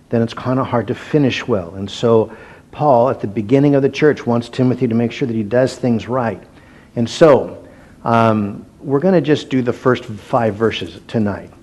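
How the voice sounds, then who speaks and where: Teaching his evening Bible study, the medium-pitched man stays easygoing and pokes fun at himself, with frequent fillers and restarts. Scripture readings get a slower delivery, every word emphasized.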